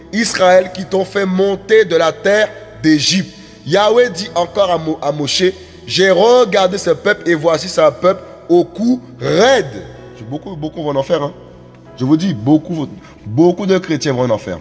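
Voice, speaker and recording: A man preaching a sermon, emphatic and repetitive, dropping his voice low on asides. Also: a little mellow, husky. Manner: emphatic, repeats phrases, drops low on asides; speaks briefly in tongues. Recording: long reverb with faint music behind.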